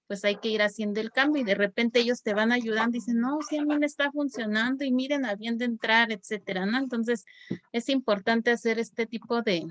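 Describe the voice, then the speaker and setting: A woman teacher tells a personal story in a chatty, animated way, acting out the voices in it. Her voice sits fairly high. The sound is dry and close, with no room echo. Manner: chatty, animated, acts out quoted dialogue. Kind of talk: personal storytelling in a panel talk.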